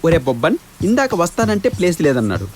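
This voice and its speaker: A man's voice: a little high, huge pitch swings, quick pace, crowd noise. An actor playing a boastful, cowardly young man who tells a comic ghost story in bumbling banter. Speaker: comic sidekick. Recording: film soundtrack with loud music.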